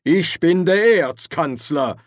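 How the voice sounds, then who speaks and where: A man's voice: on the high side, lively intonation, slow, no room sound, clean studio sound, pitched above the performer's own voice. A man voicing a stern, blustering older male archchancellor wizard in an audiobook. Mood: stern indignant. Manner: stern, indignant.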